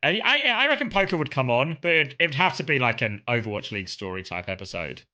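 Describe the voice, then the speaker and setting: Bright-voiced southern English man, chatting casually. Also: mid-range voice, big pitch swings, fast talker, lo-fi sound. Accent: southern English, mild. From Kent, south-east England. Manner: rambling, conversational. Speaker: streamer chatting with viewers. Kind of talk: casual chat, anecdotes.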